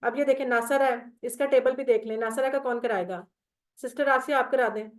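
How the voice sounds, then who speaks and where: Woman teacher, online class, patient step-by-step explanations, slightly high voice. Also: fairly quick. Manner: patient, explains step by step, recites verb tables. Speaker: Quran Arabic grammar teacher. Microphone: video call.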